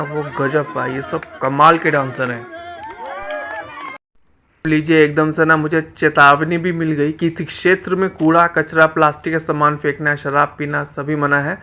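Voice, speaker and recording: A man from Himachal Pradesh narrating a travel vlog in a chatty way, talking straight to his viewers. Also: fairly high pitch. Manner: chatty, addresses viewers as guys. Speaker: travel vlogger.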